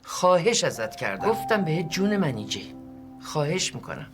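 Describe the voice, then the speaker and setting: A woman's voice: sits high, big pitch swings. A woman playing a melodramatic mother who scolds her husband over the phone in a comedy sketch. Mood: softened, coaxing. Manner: nagging, melodramatic. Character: scolding, fussy housewife on the phone. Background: background music.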